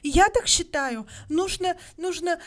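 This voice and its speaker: A woman voicing an agitated village housewife who loudly protests that the draw was unfair. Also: slow. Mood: protesting. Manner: loud, high and insistent.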